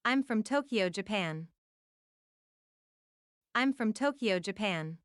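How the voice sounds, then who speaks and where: A woman at a mid pitch reads short practice phrases at an unhurried pace, repeating each one several times in an even, deliberate way. Her voice is smooth and clear, recorded dry and close with no room sound. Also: dry recording. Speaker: English phrase reader. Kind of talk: slow read-aloud of practice phrases.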